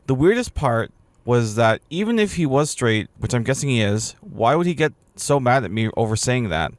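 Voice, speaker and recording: A man in his thirties co-hosts a casual podcast, reading listener posts aloud in a playful, laughing manner. His medium-pitched voice is very animated and moves at a moderate pace, with no room sound in the recording.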